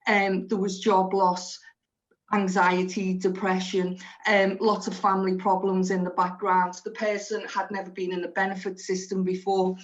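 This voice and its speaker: A woman's voice: mid-range voice, flat delivery, moderate pace, muffled recording. A woman explaining her work in a radio interview in an earnest, explanatory way. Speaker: social prescriber being interviewed.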